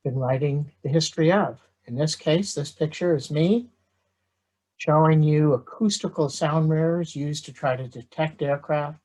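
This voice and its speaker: A man's voice: fairly high pitch, darkish tone, poor audio. A middle-aged man, a history professor, giving an online lecture with dry, self-deprecating humor.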